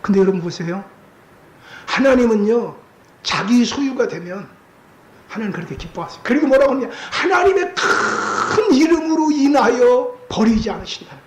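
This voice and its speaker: A male pastor preaching a sermon with strong emotion, acting out quoted voices and rising to shouts. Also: very high-pitched, animated, normal speed. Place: church sanctuary. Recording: echoey church sanctuary, faint noise.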